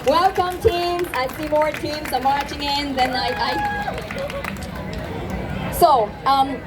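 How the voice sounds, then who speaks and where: A woman from Hong Kong addresses a festival crowd through a microphone outdoors. Her voice sits fairly high, formal and upbeat. A busy crowd hums around her. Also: steady tone, slow. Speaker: festival speaker and trade office director. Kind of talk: public welcome speech. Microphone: handheld microphone over a PA. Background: crowd noise.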